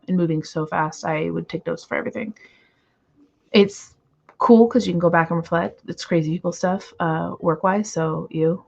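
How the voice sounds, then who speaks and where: A slightly hoarse woman hosting a comic book reading stream, chatting casually with lots of fillers and trying to slow her naturally fast speech. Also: lowish voice, dull audio. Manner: rambling, filler-heavy, self-deprecating. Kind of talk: casual livestream chat.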